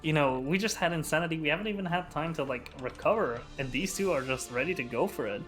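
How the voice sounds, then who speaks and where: Male esports co-commentator, analytical, slightly high voice, game music under him. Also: fast talker, fairly bright tone. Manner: analytical, talks through the players' options.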